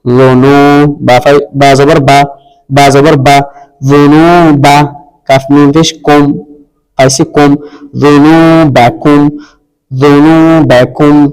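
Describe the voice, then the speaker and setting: A man teaching Quran reading, spelling out each letter and vowel, then blending and repeating syllables slowly. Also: a little high, level tone, darkish tone, clear, resonant tone. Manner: repeats syllables and tells listeners to pay attention. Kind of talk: slow spelled-out recitation lesson. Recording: long reverb.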